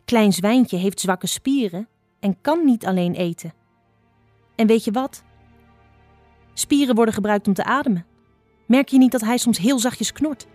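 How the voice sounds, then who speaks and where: A woman voicing a blind, sharp-tongued old female fox who scolds impatiently. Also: a little high, measured pace, pauses often, no echo, faint music behind. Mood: stern.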